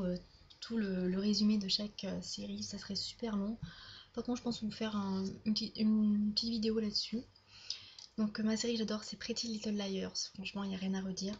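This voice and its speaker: A woman's voice: medium pitch, slight background noise. A young woman chatting casually to her viewers, rambling along with many fillers and restarts. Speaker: YouTuber. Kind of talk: casual chat to camera. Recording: dull lo-fi home video sound.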